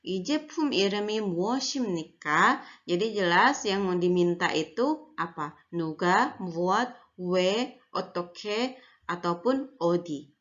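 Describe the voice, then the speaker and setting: A woman's voice: mid-range voice, a bit bright. A young woman lecturer giving a recorded online lesson, explaining in a casual way with frequent fillers and tag words. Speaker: university lecturer. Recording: dull lo-fi audio.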